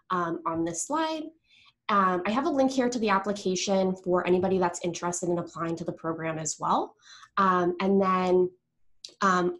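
A woman with a mid-range, fairly bright voice runs an online community meetup as the call host. She's a developer marketing presenter, speaking informally and upbeat over a video call from indoors.

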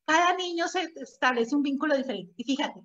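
Lady teacher explaining stuff with stories, kinda high voice, muffled audio. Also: expressive, brisk, a bit bright, a little hiss or hum. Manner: explanatory, uses personal anecdotes. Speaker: preschool teacher. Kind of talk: conversational interview. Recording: dull lo-fi audio.

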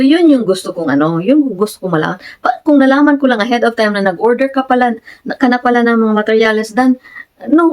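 A Filipino-accented woman vlogging casually, mixing Tagalog and English as she recounts talks with a contractor. Her voice sits at an ordinary middle pitch, and she grows animated and emphatic as she argues her side. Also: rough recording. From Philippines. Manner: mixes Tagalog and English, retelling conversations. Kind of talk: casual storytelling vlog.

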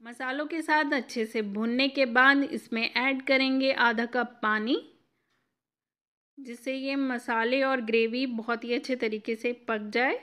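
Female cooking host, fairly high and crisp, instructive recipe voice-over. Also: steady tone, a little slow, sharp tone. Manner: clear step-by-step instructive.

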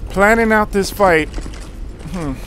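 A man giving profane, reactive commentary while playing a video game, swinging from low mutters to loud disbelief. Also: slow pace, a little hiss or hum. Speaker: let's play commentator.

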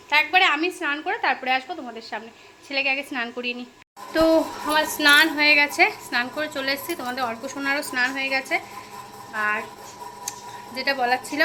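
A young woman with a high voice narrates her day at home in a chatty tone, talking straight to her viewers. She often slips into cooing baby talk with her son. Clear household noise runs behind her phone recording. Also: sharp tone. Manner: chatty, addresses viewers directly. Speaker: vlogger. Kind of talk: casual daily-life vlog narration. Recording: noisy home ambience.

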